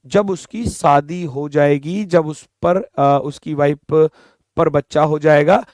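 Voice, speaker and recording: A man with a Hindi accent teaches a reasoning class for exam aspirants, talking straight to his students. His voice sits a little high, and he repeats each point in a coaxing, chatty way. The sound is close and dry, with no room around it. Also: slow pace, a little mellow, no echo. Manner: repetitive, coaxing, addresses students as bhai and beta. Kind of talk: exam-prep class lecture.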